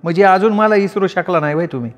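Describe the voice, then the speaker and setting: Man doing a young village woman, high-pitched, sharp-tongued, reproachful, storybook reading. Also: fast talker, big-room sound, lightly acted. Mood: bitter. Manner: pleading, reproachful.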